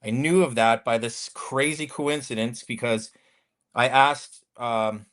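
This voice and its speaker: A man's voice: mid-range voice, slow, fairly bright tone. A man in his fifties, a former convoy accountant, telling his story in a casual interview, rambling with many restarts and fillers.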